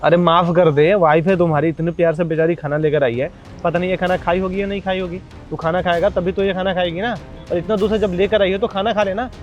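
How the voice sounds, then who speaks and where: A man's voice: high voice, fairly even intonation, fast talker, muffled recording, faint music behind, lightly acted. A man playing a bossy but kind supervisor who scolds a worker into eating. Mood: scolding. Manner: scolding, persuasive. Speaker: actor in a comedy skit.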